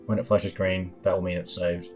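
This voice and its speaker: A man demonstrating his own app in a screen-recording tutorial, explaining each control in an unhurried way, with lots of ums and uhs as he thinks aloud. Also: sits low, flat delivery, soft background music. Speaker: developer demoing his app.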